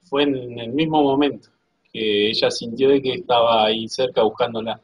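A man's voice: medium pitch, steady tone, moderate pace, husky, poor audio. Matter-of-fact Rioplatense man. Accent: Rioplatense Spanish. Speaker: client joining with his wife. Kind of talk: casual chat.

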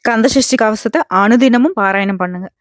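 A woman gives a devotional horoscope talk in a fairly high voice. She speaks earnestly and reassuringly, straight to her viewers. The recording is close and dry. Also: brisk, no room sound. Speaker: astrology channel host.

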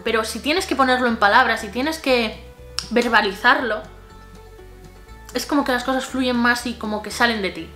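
Candid, bright-voiced woman vlogging. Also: a little high, reverberant. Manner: candid, animated, swears freely. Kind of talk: casual personal vlog talk. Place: by a garden.

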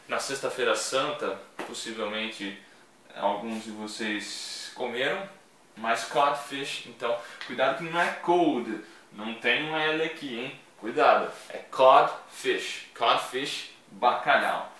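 A man teaching English vocabulary in a chatty video lesson, repeating each word slowly for his learners. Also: medium pitch, pushed and bright. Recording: echoey room, voice from a distance.

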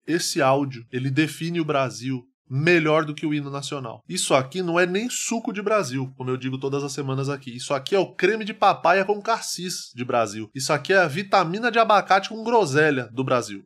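A young man hosting a comedy countdown, delivering sarcastic, deadpan ironic commentary. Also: fairly high pitch. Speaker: comedy host.

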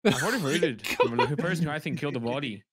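A man's voice: fairly high pitch, expressive, quick pace, natural voice. A man in a casual gaming chat, playfully putting on a Northern Irish accent and joking with mock seriousness. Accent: put-on Northern Irish. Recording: loud background noise.

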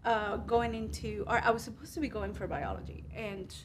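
Speaking at a moderate pace in a mid-range voice, a forties-aged woman from Puerto Rico jokes and chats casually as a studio interview guest seated at a table. She's a freelance animator and designer, and background noise is audible.

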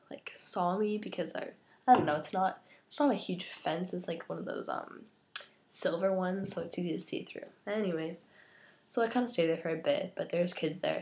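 A young woman vlogging casually while sick, her voice hoarse and strained, rambling and giggling, often dropping to a whisper. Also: lowish voice, darkish tone. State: hoarse from illness. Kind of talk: casual vlog.

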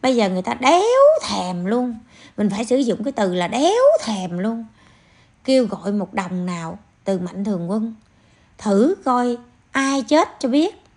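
Scolding woman with a gravelly edge. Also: a little high, a little mellow. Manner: scolding, fires rhetorical questions at viewers. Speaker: vlog host. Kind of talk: opinion commentary monologue.

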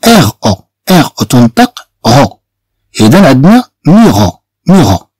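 A man with a Moroccan Arabic accent teaching a beginner language lesson, slowly repeating each word several times to drill pronunciation. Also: medium pitch, big pitch swings, darkish tone, dry recording. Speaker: French teacher.

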